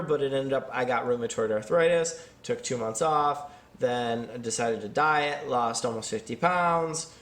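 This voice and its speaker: Casual rambling man in his thirties. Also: a little high. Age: 30s. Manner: rambling, self-deprecating, frequent fillers and restarts. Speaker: vlogger and strength athlete. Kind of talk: casual talk with workout commentary.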